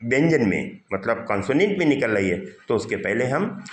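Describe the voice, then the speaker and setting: A man teaching a grammar class with a mid-pitched voice that moves up and down a lot. He walks through each point step by step, putting questions to the students and answering them himself. The sound carries a noticeable room echo. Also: sing-song, moderate pace. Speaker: English teacher. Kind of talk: classroom grammar lesson in Hindi. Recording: roomy echo.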